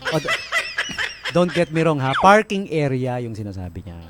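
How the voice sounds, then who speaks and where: A man's voice: mid-range voice, sing-song, normal speed, loud music behind the voice. A man with a Filipino accent hosting a casual late-night radio show, laughing often and mixing Tagalog and English. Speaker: radio DJ host. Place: radio studio.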